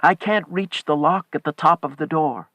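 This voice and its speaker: A man's voice: moderate pace, fairly bright tone, no room sound. A man voicing a frantic, grieving old woman who screams and pleads in a wild, desperate voice. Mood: urgent. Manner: shrill, screaming.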